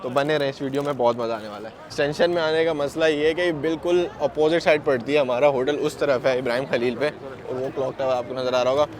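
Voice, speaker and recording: Here the vlogger talks at a quick pace in a mid-range voice, his throat sore. Filming his travels by hand, he walks outdoors and through a crowded mosque extension, pointing things out and addressing viewers as brother, all captured on a noisy phone recording outdoors.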